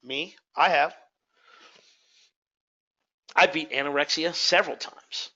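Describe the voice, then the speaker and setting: A man's voice: a little high, takes it slowly, sharp tone, muffled recording. A man hosting a motivational webinar, talking conversationally and putting direct questions to his audience. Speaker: webinar host.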